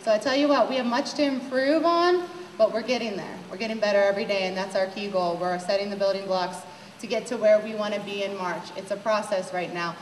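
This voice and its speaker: A woman's voice: mid-range voice, a little fast. A woman basketball coach giving an upbeat address to fans, speaking directly to the crowd. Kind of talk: address to fans at a team event. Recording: echoey hall from far off, faint hiss.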